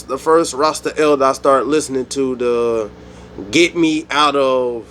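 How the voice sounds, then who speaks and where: A man from the United States hosting his own channel, speaking his mind in a rambling, animated monologue with frequent restarts. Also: a little high, a little hiss or hum. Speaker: YouTube channel host. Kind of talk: solo opinion monologue.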